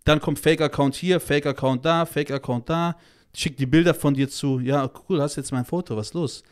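Blunt, crude-talking man, slightly high voice. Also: steady tone, normal speed, smooth. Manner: blunt and crude, heavy slang, swears, keeps saying "Alter"; heated, emphatic storytelling. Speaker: guest, child-protection activist. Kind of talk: casual podcast conversation.

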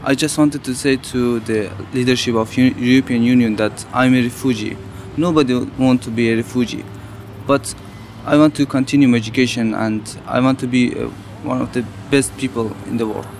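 A young man from Afghanistan with an Afghan accent, a refugee student speaking in halting, simple English. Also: medium pitch, fairly even intonation, a little hiss or hum. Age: young adult. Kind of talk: documentary interview.

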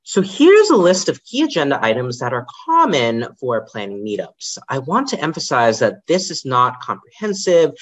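A man's voice: on the high side, lo-fi sound. A young man, a librarian, giving a prepared lightning talk over a video call, with the occasional um. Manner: lively, varied intonation, occasional ums.

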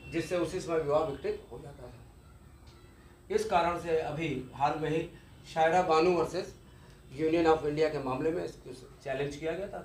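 A man's voice: a little high, roomy sound, slight background noise. A man giving an exam-focused law lecture, explaining step by step and repeating key terms, with English legal words mixed in.

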